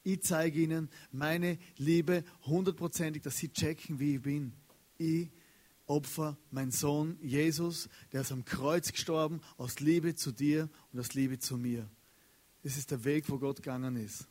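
A man preaching a casual, slangy sermon. He is chatty and animated, and keeps checking in with his listeners. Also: fairly high pitch, a little slow.

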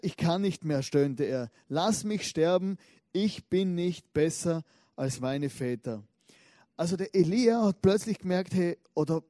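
A married man preaching a relaxed, conversational sermon, telling stories in a lively way with frequent restarts and tag questions. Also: high-pitched, dry recording, studio quality. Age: adult, married.

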